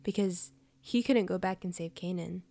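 A woman's voice: fairly low pitch, normal speed, creaky, dark tone. A young woman co-hosting a casual podcast review, agreeing often and adding thoughtful points. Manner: agreeable, frequent affirmations, thoughtful. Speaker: podcast co-host.

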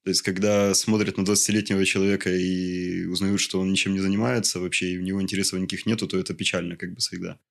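A young man in his twenties with a very low voice answers interview questions. He talks haltingly and searches for his words. He pads his thoughts with small fillers. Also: flat delivery, gravelly. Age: 20s. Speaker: interview guest. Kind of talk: casual interview conversation.

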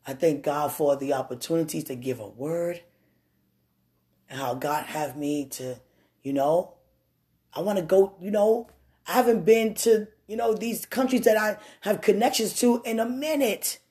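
Preaching and sharing an animated testimony at a measured pace, a woman with a deep voice alternates loud outbursts with quiet asides.

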